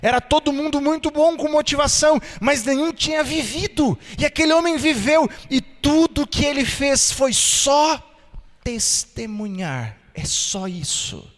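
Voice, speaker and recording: A pastor, preaching an earnest sermon full of storytelling and sudden drops in volume. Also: male voice, extremely high pitch, lively intonation, a little slow. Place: church hall. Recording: reverberant church hall.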